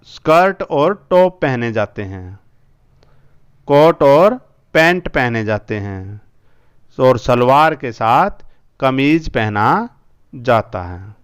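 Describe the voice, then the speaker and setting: Slow, clear-voiced man teaching a lesson. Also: medium pitch, lively intonation. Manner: slow, spells out words, repeats each word twice or three times. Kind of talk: school Hindi lesson.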